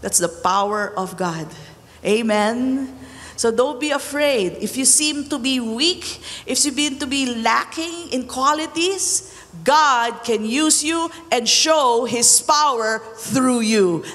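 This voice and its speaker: Woman pastor, high bright voice, animated sermon delivery, long church-hall reverb. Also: takes it slowly. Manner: mixes Tagalog and English, asks the congregation "Amen po ba?"; animated, acts out Bible figures' lines.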